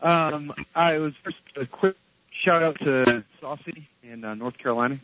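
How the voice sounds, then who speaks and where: A man calling in to a radio show, speaking hesitantly over a crackly phone line that fades in and out. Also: on the high side. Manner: hesitant, halting with fillers. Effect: crackly phone line fading in and out. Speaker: caller. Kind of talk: casual call-in chat.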